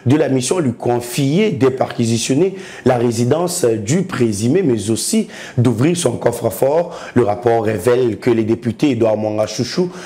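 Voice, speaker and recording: Mellow-voiced man anchoring the news. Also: medium pitch, expressive, normal speed, few pauses. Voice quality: formal, announcing. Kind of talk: scripted news reading.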